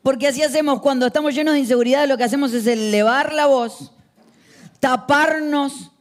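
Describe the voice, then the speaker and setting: A man's voice: extremely high pitch, fairly even intonation, fairly quick. A man preaching a sermon, emphatic and full of rhetorical questions.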